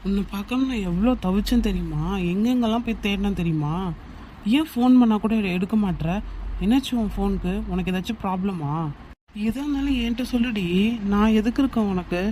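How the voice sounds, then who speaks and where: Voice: mid-range voice, brisk, dark tone, a little hiss or hum, close to an everyday voice. A performer voicing a young man in a homemade cartoon, pleading insistently with his girlfriend. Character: heartbroken young man, pleading and hot-tempered. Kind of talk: amateur cartoon voice acting.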